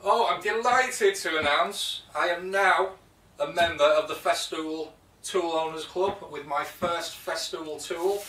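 A man's voice: a little high, a little slow, pushed and bright, slight background noise. A man in his thirties with a British accent, chatting casually about his tools in a home workshop, rambling with fillers and restarts. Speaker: woodworking video host. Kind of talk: casual show-and-tell vlog. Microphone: camera mic from a few feet away. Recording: echoey workshop, distant mic.

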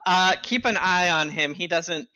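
A player speaking in character during a tabletop game, animated and theatrical. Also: medium pitch, measured pace, dry recording.

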